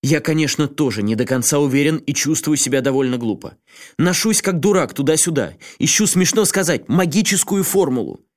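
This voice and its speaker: A man's voice: fairly high pitch, expressive, a little fast, pitched above the performer's own voice, natural voice. A man voicing a frantic male journalist who pleads with a friend in a raised, agitated voice. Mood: desperate.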